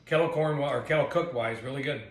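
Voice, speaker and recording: A man's voice: mid-range voice, fast talker. A man chatting casually as co-host of a snack taste test, eating crunchy chips between remarks. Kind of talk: casual chat while tasting food. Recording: echoey room with faint noise.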